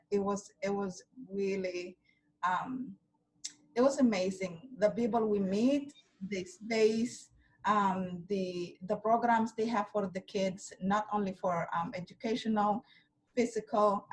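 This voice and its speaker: A mother from Somalia, speaking at a community meeting in a heartfelt way, pausing often. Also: mid-range voice, low-quality recording. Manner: heartfelt, with frequent "um" pauses. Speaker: parent. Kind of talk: personal testimony at a community meeting.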